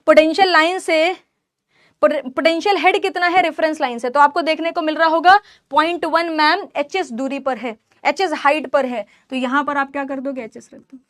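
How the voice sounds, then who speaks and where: A woman teaching an engineering class in a high voice, close and dry with no room sound. She poses questions to the students and answers them herself, and now and then teases them. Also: fairly even intonation, normal speed, a bit bright, no echo. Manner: teasing scolding asides to students. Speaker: engineering lecturer. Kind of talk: classroom lecture mixing Hindi and English terms.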